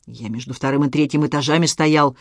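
A man reading an audiobook, voicing a calm, mocking male ex-convict who drawls in criminal slang. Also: fairly high pitch, brisk, no room sound, lightly acted. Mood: sly.

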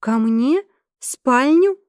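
A woman's voice: high-pitched, expressive, normal speed, darkish tone, no echo, clean studio sound, voice pushed up. A woman voicing a shy, anxious eighteen-year-old noble girl. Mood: flustered.

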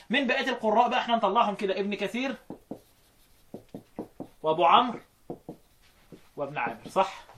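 High-voiced Egyptian man teaching recitation. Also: a bit bright. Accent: Egyptian Arabic. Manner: chants verse lines slowly, then explains quickly, quizzing students. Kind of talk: explaining a classical recitation poem to students.

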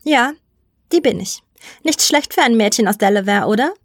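A woman voicing a steely young female fighter pilot who speaks in a crisp, clipped, commanding way. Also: fairly high pitch, expressive, moderate pace, dry recording, clean studio sound. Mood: defiant.

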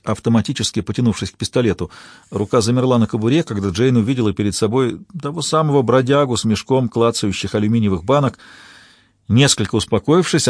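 Man, audiobook narrator, husky voice, dry close sound, measured storytelling. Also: lowish voice, dry recording. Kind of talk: scripted narration.

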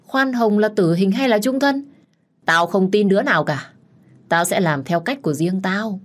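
A woman's voice: fairly low pitch, unhurried, slightly rough. Woman voicing a crazed knife-wielding man. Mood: raging. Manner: menacing, shouting, taunting.

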